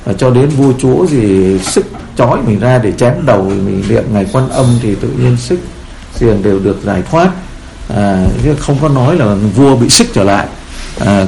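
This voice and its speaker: A man's voice: mid-range voice, vocal fry, a little mellow, a little hiss or hum. A man as a Buddhist teacher giving a sermon, telling stories in a rambling way with many fillers, in a roomy echo.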